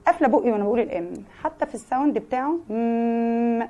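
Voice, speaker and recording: A woman with an Egyptian Arabic accent teaching young children English letter sounds, repeating each sound slowly and stressing it loudly. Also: a little high, highs cut off. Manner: animated, sudden loud emphasis. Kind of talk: phonics lesson for young children.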